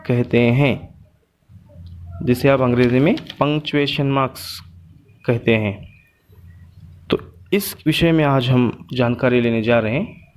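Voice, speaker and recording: A man's voice: mid-range voice, muffled recording, a little hiss or hum. A man teaching a school grammar lesson, speaking patiently and repeating his points and lists.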